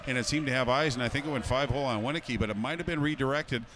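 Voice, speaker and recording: A man's voice: mid-range voice, rapid-fire, a bit bright, a little hiss or hum. A man giving live hockey color commentary, explaining plays in long analytical runs.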